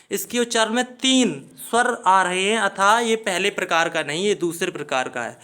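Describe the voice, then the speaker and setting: A man's voice: high-pitched, bright, forceful tone. A man teaching an English grammar lesson, explaining rules methodically and spelling words out letter by letter.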